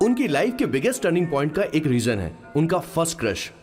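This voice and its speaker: A man's voice: fairly high pitch, very animated, fairly quick, a little mellow, soft background music. An actor playing a talkative male assistant who narrates his boss's story in a dubbed film, stumbling over names. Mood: lively. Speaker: narrator and sidekick.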